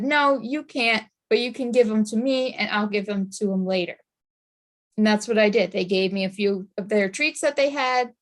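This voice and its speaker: Young woman, guide dog user, informal explainer, emphatic, repeats warnings, fairly high voice. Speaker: guide dog user giving an educational talk.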